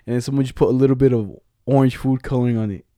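A man's voice: medium pitch, rapid-fire, no room sound, clean studio sound. Young man telling stories in loose slang. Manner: animated retelling with acted-out quotes, heavy slang. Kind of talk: casual slangy banter and storytelling.

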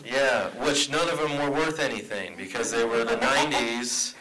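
A man's voice: medium pitch, normal speed, crowd noise, low-quality recording. A man from Arizona, a comic writer, talking and joking as a guest on a convention panel. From Tucson, Arizona. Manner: chatty, joking, laughs often.

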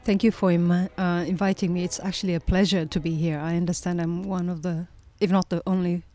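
A woman in her forties from Somalia, a guest on an interview podcast, telling her life story in a reflective way, often restarting her sentences and laughing softly. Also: fairly low pitch, flat delivery, fairly quick, soft background music. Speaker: guest, presidential candidate.

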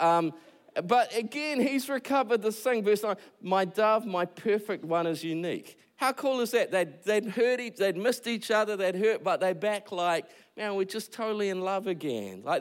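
A man's voice: a little high, clear, resonant tone. A man with a New Zealand accent, a pastor preaching a casual sermon, acting out quotes in a joking, conversational way.

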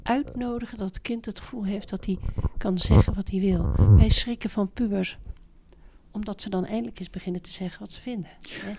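A middle-aged parenting expert, appearing as a guest in a conversational interview, speaks emphatically about raising children and keeps repeating her main points. Her mid-range voice is gravelly and dark, her tone steady, and her pace a little fast. There is slight background noise.

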